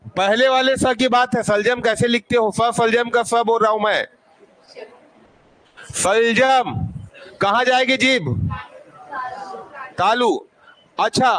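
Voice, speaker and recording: Male teacher, high voice, unhurried drilling, asks and answers himself. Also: fairly bright tone. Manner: repeats sounds slowly to demonstrate. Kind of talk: classroom grammar lesson.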